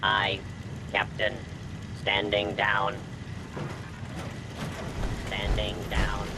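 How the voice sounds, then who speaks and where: A man voicing a calm robotic first mate of a ship in a video game, speaking in level, clipped monotone reports over loud game music. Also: lowish voice, very slow, heavy background noise. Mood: flat robotic. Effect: robotic machine voice.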